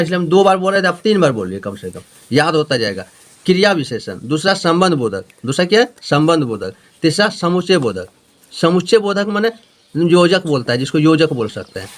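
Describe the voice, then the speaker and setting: A man teaching a Hindi grammar lesson with a Jharkhand accent, repeating points and checking if students follow. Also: fairly high pitch. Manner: repetitive, explaining with homely examples and checking questions.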